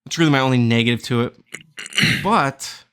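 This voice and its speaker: Man, podcast host, casual chat, bright voice, rambling, hunting for words. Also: medium pitch, animated, moderate pace, smooth.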